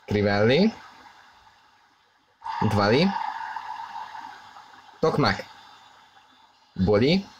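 Man's excited football commentary, noisy background. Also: on the low side, pauses often, muffled recording. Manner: excited sports commentary, mostly terse player names, rising on chances. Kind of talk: play-by-play football commentary over a video game match. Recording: clearly noisy, game stadium ambience behind. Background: video game stadium ambience.

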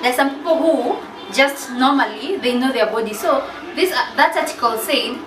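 A woman's voice: high-pitched, normal speed. A young woman, playfully asking her partner couple questions in a casual vlog. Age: young adult. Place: small living room, indoors. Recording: very echoey room, camera far off, noisy.

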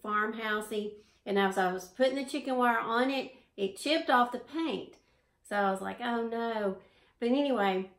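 A woman's voice: a little high, echoey room. A woman with a Southern US accent, casually explaining a DIY craft project in a chatty, folksy, self-deprecating way. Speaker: craft video host.

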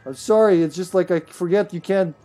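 A man in his thirties chatting casually and playfully as he streams a co-op game, excitable and talkative. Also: sits high, a little fast. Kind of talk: casual chat while playing a co-op game.

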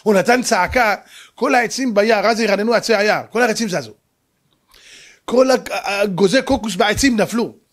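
A middle-aged man, a rabbi, preaching a sermon through a story, swinging from hushed narration to shouts. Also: high voice.

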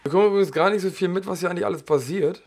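A slightly hoarse man giving casual, slangy let's play commentary while he plays, chatting loosely between moves. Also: high-pitched, rapid-fire, a little mellow. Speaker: gaming channel host.

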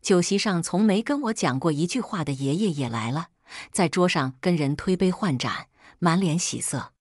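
Brief: woman storyteller, slightly low and breathy, steady scripted delivery. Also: normal speed, no echo, studio quality. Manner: steady, plain recounting of a harsh family story. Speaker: story narrator. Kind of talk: scripted first-person storytelling.

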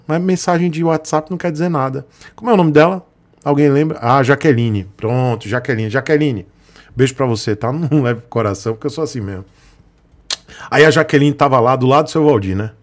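A man with a Brazilian Portuguese accent, ranting sarcastically and joking with his live-stream chat. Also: medium pitch. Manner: sarcastic, joking, with frequent chuckles. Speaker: motorcycle vlogger on a live stream. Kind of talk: casual live-stream rant.

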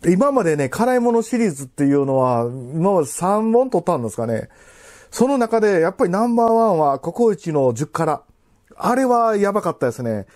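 A man in his thirties with a Kansai accent, chatting casually while eating, in a halting, rambling way with repeated phrases, labored from spicy food. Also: high voice, big pitch swings, a little mellow. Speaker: food vlogger. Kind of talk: casual chat while eating and drinking to camera. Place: living room at home.

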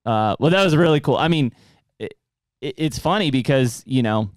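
A man's voice: medium pitch, animated, moderate pace, dry recording. A man in his late thirties hosting a podcast, talking loosely and casually with a studio desk mic. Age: 30s. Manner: loose, talkative, swears casually. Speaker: podcast host. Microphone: desk mic with headphones.

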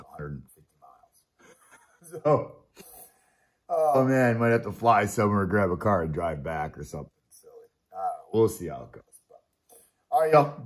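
A man hosting a casual unboxing chat, talking to viewers like friends in a laid-back, slangy way at his desk. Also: fairly low pitch. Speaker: channel host opening mail. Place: indoors at a desk with a coin display.

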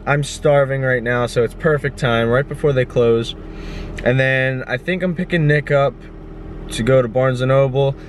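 A man's voice: medium pitch, steady tone, normal speed. Chatty young man vlogging, noisy audio. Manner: chatty, upbeat, rambling. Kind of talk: casual vlog chat.

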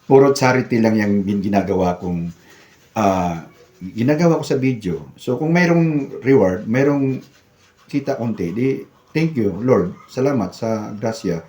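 A man's voice: lowish voice, animated, unhurried, long pauses, dark tone. Echoey older man, missing front teeth. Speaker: vlogger, retired security guard. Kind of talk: casual vlog chat. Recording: echoey room sound.

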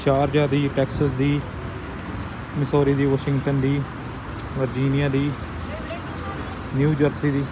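Speaking in a mid-range voice with a completely flat delivery, this young Punjabi-accented man from India takes his time and leaves long pauses. He's a travel vlogger strolling outdoor city streets and markets, casually pointing things out. A handheld phone or camera at arm's length picks up plenty of outdoor street and traffic noise.

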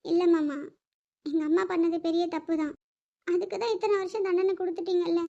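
A woman voicing a grieving young niece who pleads tearfully with her uncle in an animated drama. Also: high voice, a little fast, dull audio, lightly acted.

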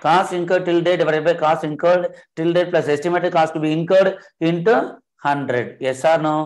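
A man's voice: fairly high pitch, steady tone, a little fast. A middle-aged man with a South Indian Tamil accent lecturing as an accounting teacher, mixing two languages, repeating key phrases and checking with the class.

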